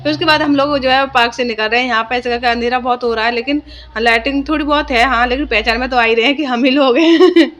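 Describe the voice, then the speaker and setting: A woman's voice: on the high side, a bit bright. A young woman vlogger, narrating her day in a chatty, homely way with lots of fillers. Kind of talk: casual vlog voice-over narration.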